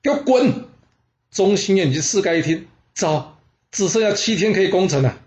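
A man's voice: high voice, fairly quick, a little mellow, dull audio. A man telling a historical war story dramatically, with exclamations and rhetorical questions.

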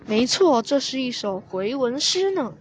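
Sweet old grandpa, woman reading, slow and gentle, a bit of hiss. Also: high-pitched, big pitch swings. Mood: delighted.

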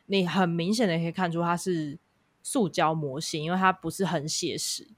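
A woman's voice: on the low side, fairly even intonation, moderate pace, dry recording. A woman with a Taiwanese Mandarin accent co-hosting a casual podcast conversation. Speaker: podcast co-host.

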